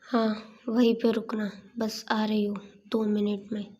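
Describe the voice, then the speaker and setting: Woman playing a quiet, menacing crime queen. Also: mid-range voice, monotone, measured pace, lightly acted. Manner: quiet, threatening.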